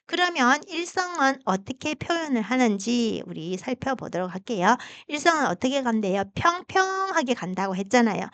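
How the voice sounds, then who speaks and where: A woman teaching Chinese pronunciation, patiently demonstrating tones with long drawn-out vowels. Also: sits high, smooth, dry recording. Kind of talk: pronunciation lesson.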